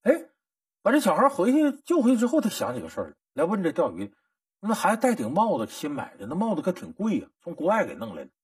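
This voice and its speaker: A man's voice: high voice, wildly swooping pitch, fast, slightly rough, no echo, studio quality, far from the mic. A man giving a folksy storytelling lecture about helping others, with rhetorical questions and colloquial asides. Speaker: storyteller teacher.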